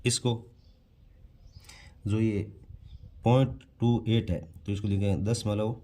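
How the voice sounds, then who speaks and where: This math teacher speaks slowly in a fairly low, mellow voice with fairly even intonation. Working at a board as if in class, he takes a primary-school math lesson step by step, putting questions to the room and answering them himself.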